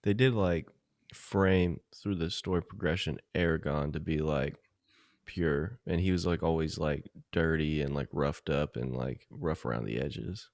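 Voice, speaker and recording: A man's voice: rumbling low, a little slow, a little mellow, dry recording. A young man co-hosting a casual podcast, talking loosely with lots of "like" and "you know what I mean.". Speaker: podcast co-host.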